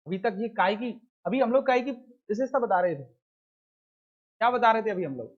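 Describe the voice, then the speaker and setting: A man's voice: sits high, lively intonation, moderate pace. A male English grammar teacher lecturing in Hindi, constantly asking his students questions and then answering them himself. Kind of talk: classroom lecture. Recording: dull lo-fi recording.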